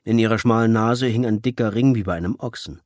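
Low-voiced male audiobook narrator. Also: quick pace, a little mellow, no room sound, clean studio sound.

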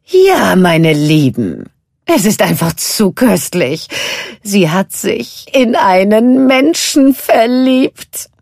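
A woman's voice: medium pitch, sing-song, creaky, dry recording, studio quality, pitched above the performer's own voice, full character voice. Woman putting on a cackling sea witch. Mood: gloating. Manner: slow, loud and drawn-out. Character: gloating female sea witch, sly and cackling.

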